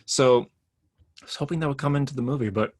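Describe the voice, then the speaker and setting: A man's voice: medium pitch, fast, a little mellow, no room sound. A man co-hosting a podcast, chatting casually about comic-book news, rambling a bit and laughing often. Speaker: podcast co-host.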